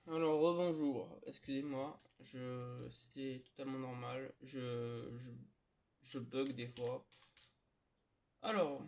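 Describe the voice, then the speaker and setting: A man hosts a gaming video with casual gameplay commentary, talking hesitantly and filling gaps with lots of filler sounds, now and then bursting out excitedly. His voice is a little high, and there's slight background noise.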